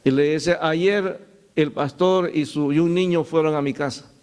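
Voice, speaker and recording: A man's voice: on the high side, steady tone, measured pace, a little mellow, clear, resonant tone. A middle-aged man preaching a sermon as pastor, telling stories and calling his listeners "brother". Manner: storytelling, addresses listeners as "hermano".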